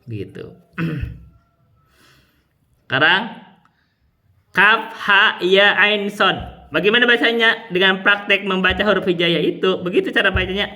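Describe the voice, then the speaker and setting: A man teaching Quran recitation rules, explaining patiently and demonstrating long drawn-out recited syllables. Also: high voice, sharp tone. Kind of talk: tajwid lesson with recited examples.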